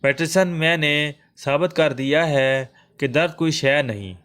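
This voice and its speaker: A man's voice: on the high side, a bit bright, clean tone, natural voice. A man voicing a male asylum director who is losing his mind, pleading frantically in a storybook reading. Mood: manic.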